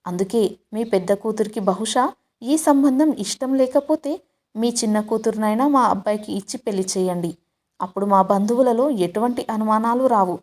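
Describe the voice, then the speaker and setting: A woman voicing a stern elderly grandmother in a storybook, speaking with measured reproach. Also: fairly high pitch, darkish tone, natural voice. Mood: persuasive.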